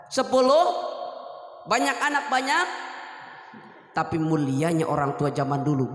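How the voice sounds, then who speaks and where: Bright high-voiced young preacher. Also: male voice. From Lampung, Indonesia. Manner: lively, acts out voices, quizzes the audience. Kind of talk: Maulid storytelling sermon. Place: religious foundation event hall. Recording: echoey hall with long reverb.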